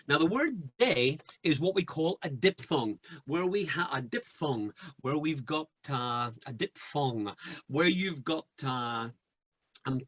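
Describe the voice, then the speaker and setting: A man, slightly croaky, leading a choir rehearsal, chatting, joking and singing short phrases to show how. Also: fairly high pitch. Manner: chatty, encouraging, joking asides, sings demonstration phrases. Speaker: choir director. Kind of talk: online choir rehearsal coaching. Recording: piano music loud behind voice. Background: piano.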